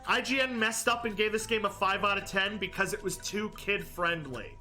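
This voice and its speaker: Young male gaming commentator, high, bright and rambling, with faint game music behind. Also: normal speed. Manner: rambling, jokey, full of likes and restarts. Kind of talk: casual gameplay commentary.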